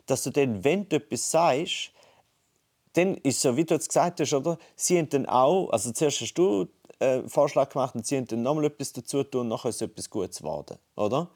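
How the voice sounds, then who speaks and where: A man's voice: mid-range voice, lively intonation, a little fast, a little mellow, slightly rough. A man, co-hosting a casual podcast talk and thinking aloud with many restarts. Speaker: podcast co-host. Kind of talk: casual conversation. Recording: phone call.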